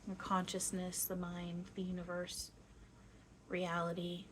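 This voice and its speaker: Casting: woman as seance-medium spirit guide, slightly low pitch, unhurried halting delivery, loving teacherly temper, noisy recording. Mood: calm, reverent. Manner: halting phrases with long pauses, addressing listeners as a group. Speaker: trance channeler. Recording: clear steady background noise.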